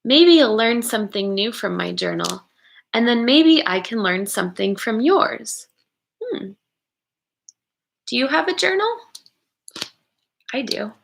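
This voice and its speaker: Reading a picture book to children, this woman educator is expressive and encouraging, pausing to wonder aloud and address her audience. Her voice is on the high side with vocal fry, and a little hiss or hum is audible.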